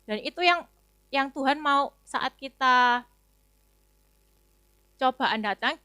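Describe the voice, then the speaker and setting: Young woman, youth speaker, casual sermon testimony, higher voice, dry close sound. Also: slow, bright, forceful tone, smooth, no echo. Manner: chatty, casual, many fillers and tag words.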